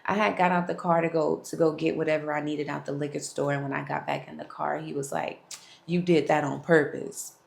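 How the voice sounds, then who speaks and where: A woman's voice: low voice, level tone, quick pace, vocal fry, few pauses. A young woman frankly telling her personal testimony straight to viewers. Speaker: vlogger sharing a testimony. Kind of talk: candid personal storytelling to camera. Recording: echoey room.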